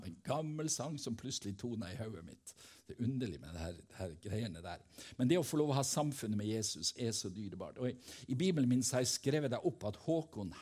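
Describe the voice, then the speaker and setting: A Norwegian preacher from the Helgeland coast gives a fervent devotional testimony, telling stories from his own life. His voice is medium-pitched, darkish and slightly rough.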